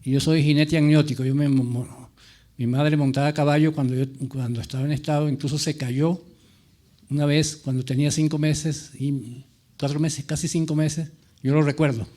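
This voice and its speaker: Male novelist, relaxed warm timbre, slightly high pitch, halting, wandering personal reminiscence. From rural mountain highlands of Latin America. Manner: halting, repeats words, digressive. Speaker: novelist on a panel.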